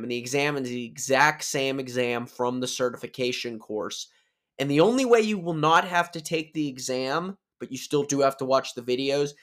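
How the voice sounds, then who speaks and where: Sore-throated from a cold, a podcast host on his own explains things in a chatty, upbeat manner, with frequent restarts and self-corrections. His voice sits fairly high and sounds a bit bright.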